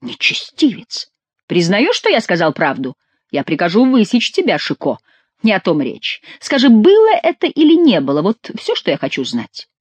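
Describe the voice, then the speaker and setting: A woman's voice: medium pitch, huge pitch swings, normal speed, darkish tone, breathy edge, dry recording. A woman voicing a weary, anxious French king who pleads and insists. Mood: plaintive.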